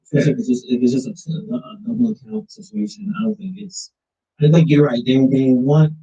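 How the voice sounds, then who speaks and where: A man giving casual advice in a group chat, haltingly, repeating his words. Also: fairly high pitch, animated, vocal fry, mellow, highs cut off.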